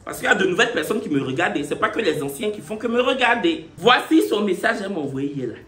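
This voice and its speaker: A man's voice: high-pitched, roomy sound, soft background music. A man in his twenties talking animatedly in a casual storytime vlog. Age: 20s. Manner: animated, switches between French and slow deliberate English. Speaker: vlogger.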